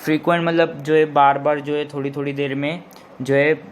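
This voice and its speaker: A male English teacher explaining a textbook lesson line by line, rephrasing often and reading the English passages slowly. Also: on the high side, level tone, slight background noise, poor audio. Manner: reads English lines slowly and deliberately.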